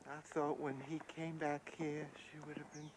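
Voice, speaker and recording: A woman's voice: low-pitched, monotone, normal speed, background noise, natural voice. An actress playing an older, sorrowful widowed mother, wistful and anxious, in a film drama. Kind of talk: naturalistic film drama acting.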